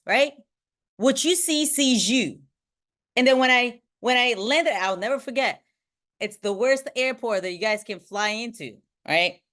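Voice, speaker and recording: She's a motivational speaker and team trainer from Bulgaria, addressing a group on a video call with plenty of energy. Her voice swings from high to low, and "right?" caps nearly every point.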